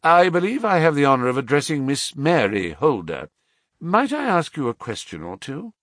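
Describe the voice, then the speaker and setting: A man reading aloud, playing a calm, precise male detective who asks measured, probing questions. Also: on the high side, no echo, studio quality, voice pushed up. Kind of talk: audiobook reading.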